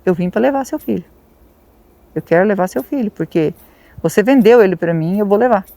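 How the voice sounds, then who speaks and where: A woman's voice: medium pitch, animated, fairly quick, warm tone, dry recording, lightly acted. A woman voicing a menacing male devil who insists on collecting a debt, in a plain, blunt way. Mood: insistent.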